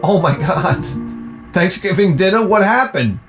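Guy streaming a game, slow laid-back pace, swears a lot, game music going behind him. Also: high-pitched, animated. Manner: sweary, slangy exclamations. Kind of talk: casual game playthrough commentary. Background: prominent game music.

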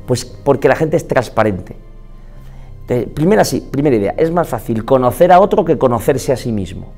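A man from Spain, a doctor, giving an expressive motivational talk and often quoting people in changed voices. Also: mid-range voice, normal speed, soft background music. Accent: Spain Spanish. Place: indoors, filmed talk.

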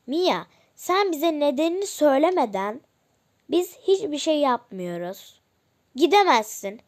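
A woman's voice: high voice, very animated, a little slow, darkish tone. A woman voicing a husband who firmly forbids his wife to leave, in a commanding tone in a family role-play. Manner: commanding, firm.

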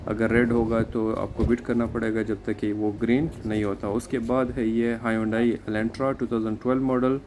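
Walking through an open-air used car auction lot, a man with a medium-pitched voice narrates his vlog steadily and informatively, hesitating with fillers now and then. Outdoor sounds carry behind his voice.

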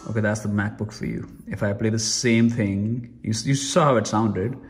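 A man's voice: fairly low pitch, fairly even intonation, normal speed, faint music behind. A man giving a casual, rambling product review at home, chatty and full of restarts. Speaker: tech reviewer. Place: room at home.

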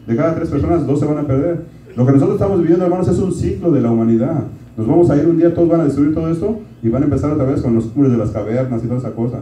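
A man's voice: fairly high pitch, lively intonation, rapid-fire, hardly any pauses, dark tone. A middle-aged man preaching a conversational sermon. He keeps asking the congregation "right?" and calls them "brothers". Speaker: pastor. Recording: distant, roomy, dull lo-fi sound.

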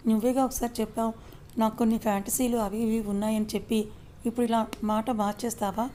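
A woman storyteller voicing a teasing, gruff young husband in an audio story. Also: fairly high pitch, little pitch movement, fast talker, warm tone, slight background noise, lightly acted. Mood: teasing scold. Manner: scolding, teasing.

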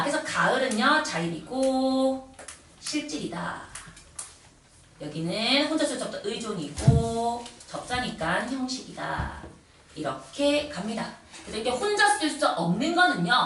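A woman teaching a middle school Korean class in a classroom, animated and sing-song, with quick asides to her students. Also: on the high side. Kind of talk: classroom lecture. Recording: echoey classroom from far off, faint noise.

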